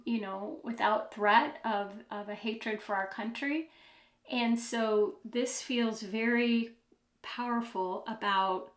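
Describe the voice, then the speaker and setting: A woman's voice: a little high, a bit bright, reverberant. A middle-aged woman doing a psychic card reading, musing aloud, trailing off and restarting her sentences. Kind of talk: channeled card reading monologue.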